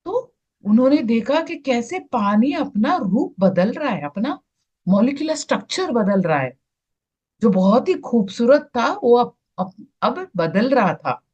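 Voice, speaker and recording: A woman leads an online wellness session, explaining her slides in a slightly high voice. She talks very slowly and often restarts or repeats words as she goes. Her audio comes through a call, a little dull and lo-fi. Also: sing-song, a little mellow, husky. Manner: unhurried, repeats words with many restarts and fillers.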